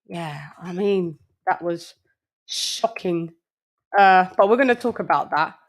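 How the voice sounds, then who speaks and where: A woman's voice: fairly low pitch, slow pace. A British woman hosting a casual boxing live stream, playful and rambling, full of fillers and little sing-song asides. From United Kingdom. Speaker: host.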